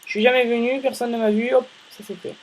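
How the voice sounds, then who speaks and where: A male gaming host gives casual, rambling let's-play commentary, chatting playfully with viewers between tasks. He talks fast in a very high-pitched, level voice, and the rough recording has a little hiss or hum.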